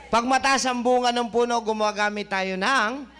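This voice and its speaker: A man hosting a health talk show as a doctor, giving a lively lecture in a studio, joking and quizzing his listeners with questions. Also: extremely high pitch, moderate pace, a little hiss or hum.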